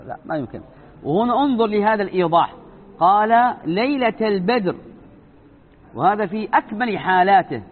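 A man teaching a religious lesson, explaining slowly, repeating and stretching key words and asking rhetorical questions. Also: high voice. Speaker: sheikh teaching Islamic creed. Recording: tinny phone-like lecture recording.

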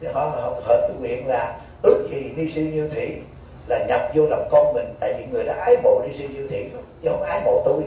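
A Buddhist monk giving an animated storytelling sermon, full of rhetorical questions. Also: male voice, mid-range voice, fairly quick, slight background noise. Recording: echoey hall, distant dull mic.

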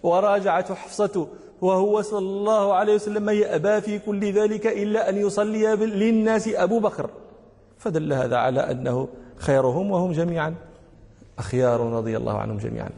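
A man's voice: high voice, fast talker, creaky, dark tone, in a large hall. A man with a Moroccan accent teaching a grammar lesson, quizzing his class and often chuckling.

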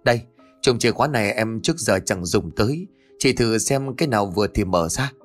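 A man's voice: lowish voice, lively intonation, brisk, faint music behind. A man voicing a flustered, helpful middle-aged uncle who talks in a hurry in an audio horror story. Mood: hurried.

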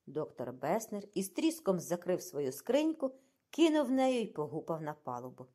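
Expressive woman reading an audiobook. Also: fairly low pitch, moderate pace. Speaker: audiobook narrator. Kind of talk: scripted narration.

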